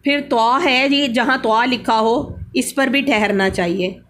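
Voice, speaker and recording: A woman with a fairly high voice gives a patient religious lesson on reading the Quran. She explains each rule slowly and repeats the important points. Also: a bit bright, a little hiss or hum. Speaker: Quran teacher.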